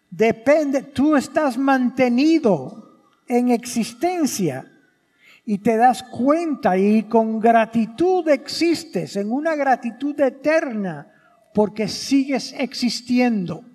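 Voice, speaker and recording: A man's voice: extremely high pitch, darkish tone. A priest preaching a sermon at Mass, repeating his key phrases and putting questions to the congregation. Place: church during Mass. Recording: long reverb of a church hall.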